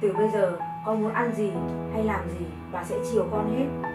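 Woman playing a sharp, scolding grandmother. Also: on the high side, racing, lightly acted. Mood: remorseful. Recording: roomy, distant mic, music behind.

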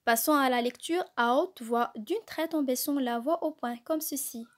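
A woman's voice: high voice, moderate pace. A woman giving a kindergarten reading lesson, carefully spelling out letters and syllables for young children. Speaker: kindergarten teacher.

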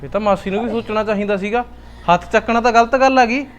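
An actor playing a level-headed young adult son who questions his mother and tries to calm her. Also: sits high, quick pace, faint music behind, natural voice. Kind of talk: Punjabi short film acting.

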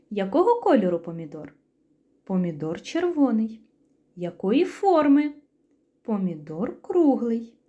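A woman with a Ukrainian accent teaching young children a speech lesson, speaking in a slow, clearly enunciated sing-song with questions and answers. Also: fairly high pitch, warm tone. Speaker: preschool teacher.

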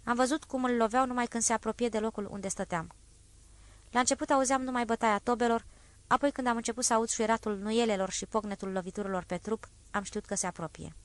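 A woman voicing a grave male exile who recounts an execution in a low, even, measured tone. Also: no room sound, natural voice. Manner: measured, somber retelling.

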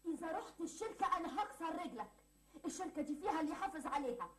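A young actress with an Egyptian accent playing a spoiled, headstrong rich daughter in a TV sitcom. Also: female voice, extremely high pitch, expressive, rapid-fire, recorded from a distance. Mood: defiant. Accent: Egyptian Arabic. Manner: spoiled, says "mami" and "babi". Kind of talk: 1980s Egyptian TV sitcom acting.

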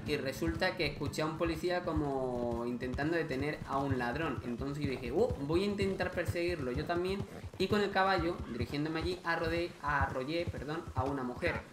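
A man's voice: fairly high pitch, echoey room, noisy background. A man from hosting casual let's-play commentary, talking straight to his viewers, exasperated and swearing often. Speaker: gaming video host.

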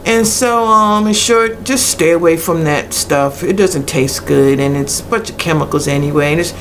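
A middle-aged woman giving a blunt, casual product review in a hesitant way with many pauses. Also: deep voice. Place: small cluttered room indoors. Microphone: webcam at arm's length. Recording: noisy webcam recording with room ambience.

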